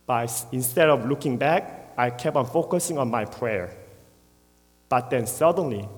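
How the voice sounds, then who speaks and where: A man in his thirties from South Korea, speaking with a Korean accent, giving an earnest, prepared personal testimony at church with brief pauses. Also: on the high side, a little mellow. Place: church sanctuary. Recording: long church hall reverb.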